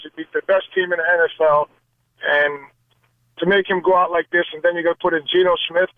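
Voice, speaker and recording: A man's voice: fairly high pitch, no room sound. An upset man calling in to a radio show over a phone line, repeating himself as he complains. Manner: upset, repetitive. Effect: phone call on radio. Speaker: caller. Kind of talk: call-in radio.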